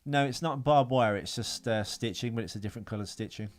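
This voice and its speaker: A man's voice: medium pitch, brisk. A man co-hosting a podcast, trading dry jokes and banter while discussing a film. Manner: jokey, dry banter, acts out quoted lines. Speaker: podcast co-host. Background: faint music.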